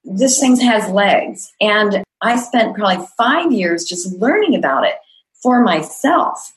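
This middle-aged executive coach answers podcast interview questions in an earnest, reflective manner, often listing traits in a measured cadence. Her pitch is an ordinary middle range for a woman, her intonation is lively, and the recording is rough.

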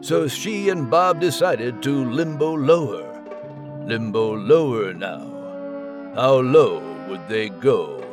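A man's voice: medium pitch, animated, slow, over music. A man voicing a showy male news reporter who loves puns, with a melodramatic newsreader delivery.

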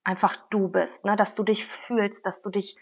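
Late-thirties woman, podcast guest, lively and laughing, mid-pitched, slightly muffled lo-fi audio. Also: normal speed, vocal fry, husky. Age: 30s. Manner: lively, laughs often, talks with her hands. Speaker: business mentor, guest. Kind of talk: casual interview talk.

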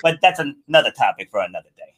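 A man's voice: mid-range voice, animated, very fast, a bit bright. A middle-aged man hosting a podcast, chatting casually and laughing a lot. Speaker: podcast host. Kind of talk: casual interview chat.

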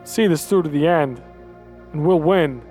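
A man's voice: a little high, unhurried, warm tone, faint music behind, lightly acted. A man playing a grim, resolute starship captain in a tabletop game, speaking steadily and defiantly.

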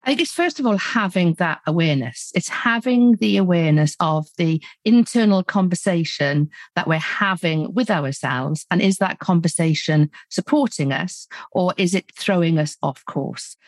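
A woman speaking as a podcast guest, explaining her views in a steady, self-assured way. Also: lowish voice, normal speed, few pauses, dry recording. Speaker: podcast guest, money coach. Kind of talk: conversational interview.

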